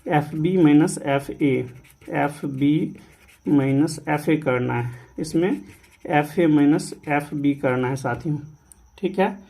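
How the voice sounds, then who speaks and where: A man's voice: fairly high pitch, takes it slowly, creaky, dark tone. A man giving an exam-prep maths lecture, mixing Hindi and English, repeating key rules and asking and answering his own questions. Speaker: maths teacher.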